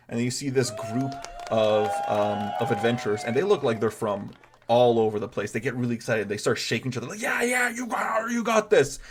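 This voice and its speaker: A man narrating as game master of a tabletop game, chatty and rambling, with many fillers and restarts. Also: mid-range voice.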